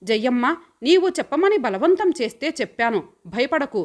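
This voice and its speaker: A gentle, generous childless woman from an audio storybook, read by a woman. She speaks softly and reassuringly, in a slightly high voice. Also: very animated, normal speed. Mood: gentle reassurance.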